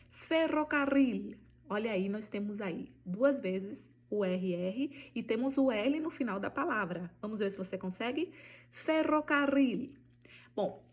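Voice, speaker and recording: A woman with a Brazilian Portuguese accent teaching a language lesson. She talks patiently, checks in often with short tags and slows down to model pronunciation. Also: mid-range voice, husky. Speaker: Spanish teacher.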